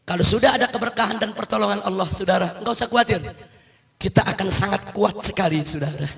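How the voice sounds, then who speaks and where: A man preaching a fiery rally sermon as an Islamic preacher, shouting rousing calls to the crowd and often addressing them as brothers. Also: high-pitched, quick pace, vocal fry.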